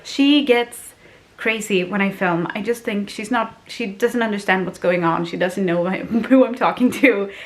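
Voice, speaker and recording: A woman with a medium-pitched voice speaks at a measured pace in a casual vlog chat. In her thirties and from Sweden, with Swedish as her first language, this family vlogger films herself indoors at home on a handheld camera at arm's length, often laughing between her words.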